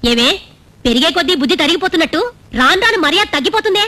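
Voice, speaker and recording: A woman's voice: very high-pitched, expressive, very fast, pushed and bright, no echo, exaggerated voice. An actress playing a gullible, doting middle-aged widowed mother in a comic film scene, fussy and melodramatic. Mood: scolding. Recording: film audio with soundtrack music behind.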